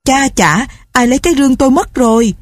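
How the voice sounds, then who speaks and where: A woman's voice: high voice, brisk, no room sound, clean studio sound, pitched above the performer's own voice. A woman voicing a poor, sick young mother, plaintive and lamenting. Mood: panicked.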